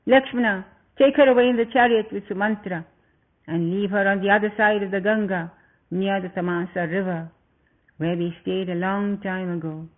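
A man's voice: sits high, steady tone, moderate pace. A man voicing a grieving male king who speaks in a stern, drained, commanding way in a told story. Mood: grave. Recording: tinny phone-like sound.

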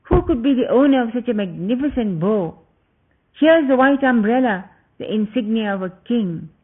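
A man voicing an anguished, passionate young prince who cries out his words loudly, heard through a tinny phone-like recording. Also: sits high, fairly even intonation, moderate pace. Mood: grieving. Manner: impassioned, loud exclamations.

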